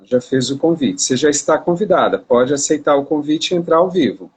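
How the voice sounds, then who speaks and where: Recorded on a phone during a live video stream, this Brazilian host conducts a laid-back interview with lots of restarts and repeated words. He sounds a little high and slightly fast, with lively intonation.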